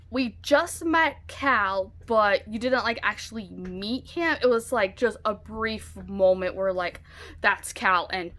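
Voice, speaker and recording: A woman's voice: medium pitch, fairly bright tone. Chatty woman rambling about books. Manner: chatty, rambling, many fillers like "like" and "um". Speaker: book vlogger. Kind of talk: casual chat. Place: home, with a dog nearby.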